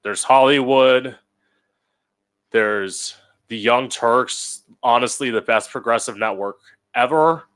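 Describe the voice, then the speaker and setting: A man hosting an opinion show as a campy drag queen, blunt and opinionated, with drawn-out emphatic phrasing. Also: mid-range voice, fairly bright tone, clean tone. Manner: blunt, opinionated, swears freely. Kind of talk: opinion monologue.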